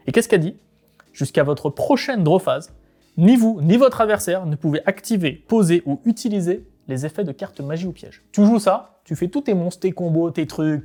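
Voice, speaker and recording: A man reviewing trading cards one by one in casual, informal commentary, giving quick snap verdicts. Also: fairly high pitch, darkish tone.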